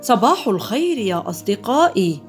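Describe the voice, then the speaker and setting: Sly fox, smooth and coaxing, fairly high, read by a woman narrator. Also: sing-song, fairly quick, soft background music. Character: sly sweet-talking male fox.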